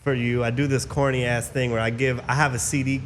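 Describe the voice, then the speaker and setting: A man's voice: medium pitch, flat delivery, quick pace, slight background noise. A man hosting a radio interview, talking casually with enthusiasm and slang. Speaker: radio host.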